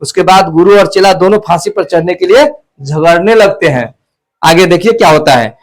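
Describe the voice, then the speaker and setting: A male teacher retelling a textbook play, explaining and repeating lines to make them clear. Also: high-pitched, normal speed, low-quality recording.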